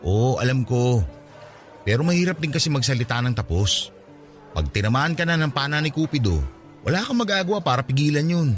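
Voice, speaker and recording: Over soft music in a radio drama, an actor plays Raj, a caring young man advising his childhood friend. His medium-pitched delivery is brisk with lively intonation, close to an everyday speaking voice.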